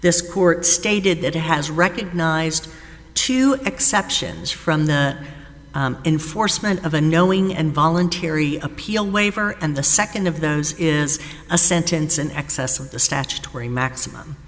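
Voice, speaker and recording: Brief: female attorney at an appeals podium, deliberate and formal, hesitant "uh"s, long courtroom reverb. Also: low voice. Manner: measured, deliberate, with frequent "uh" pauses. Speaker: defense attorney. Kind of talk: formal appellate oral argument.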